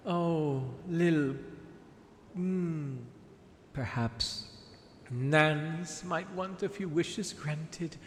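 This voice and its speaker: A man voicing a vain, self-pitying sea witch in a live stage show, grand and theatrical, calling the audience darlings. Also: fairly high pitch. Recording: echoey hall with faint background noise.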